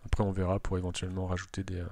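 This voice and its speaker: A man's voice: sits low, completely flat delivery, rapid-fire, darkish tone. A man, a Java developer, explaining code aloud in a tutorial, hesitating and restarting often, with self-mocking asides. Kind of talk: live coding tutorial. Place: at a computer, indoors.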